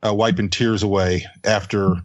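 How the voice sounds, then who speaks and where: A man's voice: lowish voice, flat delivery, normal speed, highs cut off, slight background noise. A man, a co-author guest on a remote call, tells stories in a teasing way and chuckles along. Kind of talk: casual remote interview chat.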